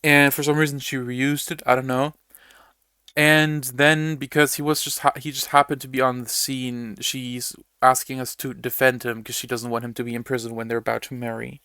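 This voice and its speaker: A man's voice: mid-range voice, little pitch movement, moderate pace, sharp tone, clear, resonant tone, dry recording, clean studio sound. A man chatting casually to his audience while streaming a game, rambling, laughing often and swearing now and then. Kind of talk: casual gameplay chat.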